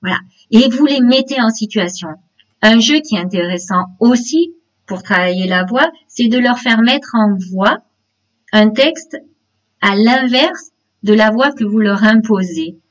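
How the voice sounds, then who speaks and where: Over a video call, a woman with a slightly high, expressive voice leads a teacher-training webinar at a measured pace. She explains classroom games step by step and addresses participants directly. Her computer mic yields dull, lo-fi audio.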